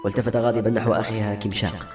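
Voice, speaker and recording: A man narrating a novel in an expressive, dramatic reading. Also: fairly low pitch, rapid-fire. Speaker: audiobook narrator. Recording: roomy audiobook recording, faint music.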